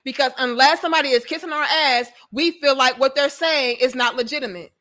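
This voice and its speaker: A woman's voice: high voice, fairly quick, bright, forceful tone. A young woman with a St. Louis accent talking informally and bluntly to livestream viewers, emphatic and repetitive, with casual swearing. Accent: St. Louis, Missouri. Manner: blunt, emphatic, repeats phrases, swears freely. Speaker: livestream host giving relationship commentary.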